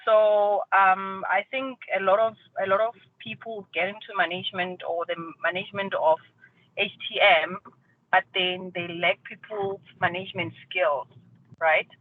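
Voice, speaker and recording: A man calling in to a work meeting over a phone line while driving, thinking aloud with pauses and restarts. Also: high voice, steady tone. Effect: phone call from a moving car on speakerphone. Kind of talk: casual work meeting discussion. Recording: tinny dry phone line.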